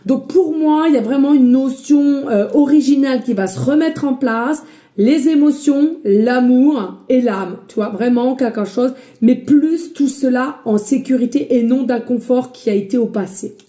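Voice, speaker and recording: A woman psychic medium talking casually to her viewers, speaking loudly with a slight accent, full of hesitations and friendly asides. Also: sits high, a little slow. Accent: a slight accent she mentions. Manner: loud voice, by her own account. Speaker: psychic medium giving a reading. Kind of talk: casual spiritual guidance vlog.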